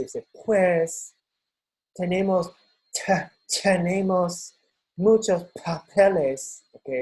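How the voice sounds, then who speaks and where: Slow, husky bilingual lecturer. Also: male voice, mid-range voice, warm tone, poor audio. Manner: slow, explanatory, switching between English and Spanish, frequent fillers. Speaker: university instructor. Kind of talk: recorded lecture review.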